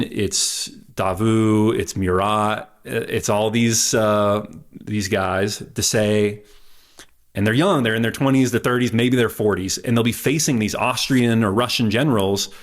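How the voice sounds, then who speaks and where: A man who is an interview guest, explaining confidently and posing rhetorical questions as he talks. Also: lowish voice. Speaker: guest, history enthusiast.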